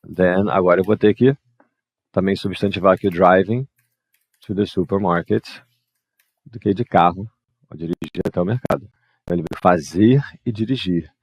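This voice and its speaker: Guy teaching english grammar, lowish voice, dry close sound, reads examples out slow. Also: breathy edge, no room sound, highs cut off. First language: Portuguese. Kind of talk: explaining grammar exercises.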